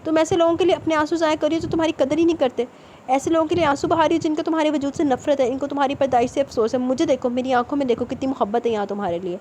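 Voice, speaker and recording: A woman's voice: high-pitched, fairly even intonation, mellow, a little hiss or hum, close to an everyday voice. A woman voicing a possessive young man who coaxes his girlfriend with intense promises. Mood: coaxing. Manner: coaxing, intense.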